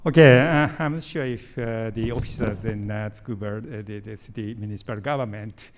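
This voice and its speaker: A man speaks on a symposium panel in a halting way, full of "uh" fillers. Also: on the low side, a little hiss or hum. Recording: reverberant hall.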